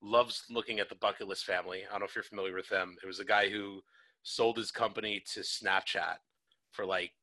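A man co-hosts a podcast in loose casual chat. His voice is bright and forward, pitched a little low, and he rambles through long tangents with plenty of fillers. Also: steady tone, a little fast. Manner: rambling, filler-heavy, laughing asides. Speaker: podcast co-host.

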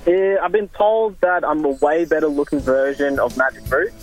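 A man's voice: a little high, normal speed. An Australian man chatting casually on a radio phone-in with a cheeky, flirty, joking manner. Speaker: radio phone-in dating contestant. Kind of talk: casual chat. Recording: phone call over music bed. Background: music.

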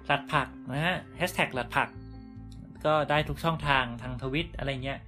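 A man hosting a casual podcast, relaxed as he wraps up the show. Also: mid-range voice, moderate pace, faint music behind. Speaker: podcast host.

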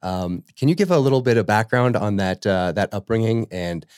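Deep-voiced male podcast host. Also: expressive, darkish tone, clear, resonant tone, no room sound, clean studio sound. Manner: halting, with many fillers and restarts. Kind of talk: reading a book excerpt, then interviewing.

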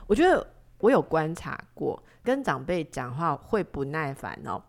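A woman in her fifties with a Taiwanese Mandarin accent talks on a casual podcast. Her voice sits a little low for a woman. She tells stories briskly and acts out the other people in them. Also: vocal fry. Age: 50s. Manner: lively storyteller who acts out quoted dialogue. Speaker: podcast co-host, doctor.

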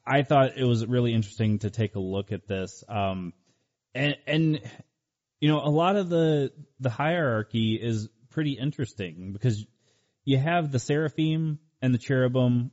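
A man hosting a talk show in a conversational style, with a halting, pausing delivery. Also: medium pitch, darkish tone. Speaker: host. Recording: dull, muffled audio.

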